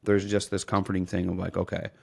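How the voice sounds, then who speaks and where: Man, podcast host, low gravelly voice, flat delivery, blunt, swears casually. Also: fast, no room sound.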